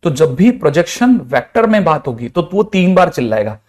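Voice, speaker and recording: A man's voice: a little high, very animated, fairly quick, a little mellow. Playful man teaching a lecture. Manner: chatty, playful, with mixed Hindi-English math terms. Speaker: physics teacher.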